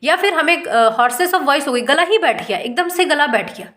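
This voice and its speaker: A woman's voice: high voice, animated, normal speed, a bit bright. A woman, a doctor in her thirties or forties, giving an informal online lecture, explaining patiently and asking rhetorical questions. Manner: explains patiently, mixes English terms, asks rhetorical questions. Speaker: homeopathy doctor teaching.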